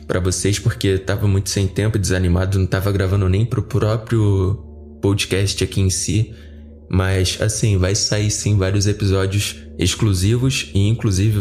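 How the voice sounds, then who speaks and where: With a fairly low pitch and dark tone, this Brazilian podcaster speaks in a voice slightly affected by flu. He chats to his audience in a loose, rambling, informal way.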